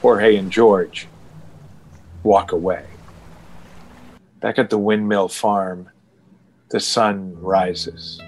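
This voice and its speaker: A man's voice: lowish voice, fairly even intonation, very slow, long pauses, a little mellow, poor audio. A man narrating an audio drama in a dramatic, scripted style.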